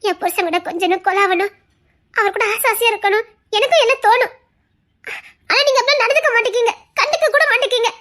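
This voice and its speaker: Woman voicing a shrill hurt young wife. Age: young adult. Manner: tearful, pleading, rising to shouts. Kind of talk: Tamil audio drama.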